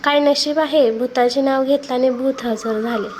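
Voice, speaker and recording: Woman voicing a sharp-tongued young college girl, storybook, higher-pitched. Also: steady tone, normal speed, background noise, lightly acted. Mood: angry. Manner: sharp, scolding. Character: outspoken young female college student.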